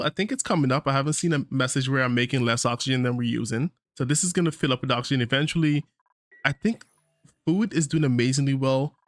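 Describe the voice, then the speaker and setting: A man's voice: a little high, no echo. Upbeat man rambling over gameplay. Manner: rambling, upbeat, thinks aloud with fillers and small laughs. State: tired morning voice. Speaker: gaming channel host. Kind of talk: casual let's-play commentary.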